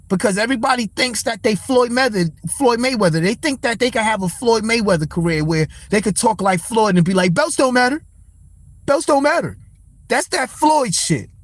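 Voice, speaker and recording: High-voiced man ranting profanely about boxing. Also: no room sound. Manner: profane, blunt, rants and answers chat. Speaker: livestream host. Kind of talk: casual boxing talk livestream.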